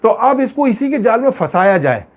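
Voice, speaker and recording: A man's voice: extremely high pitch, sing-song, moderate pace. A man giving a casual, emphatic spoken review of a reality show, repeating his points. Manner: emphatic, repetitive, acts out quoted lines.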